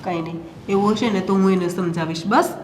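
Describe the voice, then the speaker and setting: A woman's voice: medium pitch, brisk, slight background noise, natural voice. Woman playing a weary, soothing mother-in-law. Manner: soothing, reasoning. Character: mother-in-law, weary peacekeeper between daughters-in-law. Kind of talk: family drama acting. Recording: echoey room.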